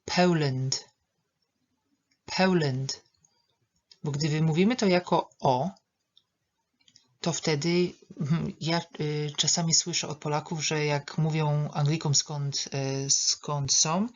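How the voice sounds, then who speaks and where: Middle-aged woman as a pronunciation teacher: unhurried, deep for a woman, repeats each word with care. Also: fairly even intonation, dull audio. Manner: patient, modelling English words slowly and repeating them. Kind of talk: online pronunciation lesson.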